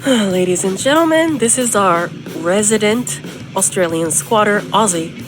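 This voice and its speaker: A woman's voice: medium pitch, a little slow, lightly acted. A woman voicing a sarcastic, easily exasperated young trivia host in a video game, delivering questions with a teasing edge. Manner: snarky, teasing quiz-show delivery. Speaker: quiz host. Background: game music.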